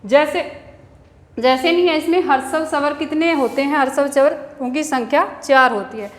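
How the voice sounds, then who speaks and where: A woman's voice: high-pitched, moderate pace. A woman school teacher giving a grammar lesson, explaining step by step and asking and answering her own questions. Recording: echoey room with long reverb.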